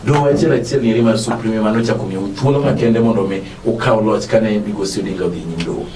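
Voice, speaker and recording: A man's voice: fairly low pitch, very fast, mellow. A man with a Kenyan Luo accent presenting and conducting a political interview as a TV host. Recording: echoey room, distant mic, noisy.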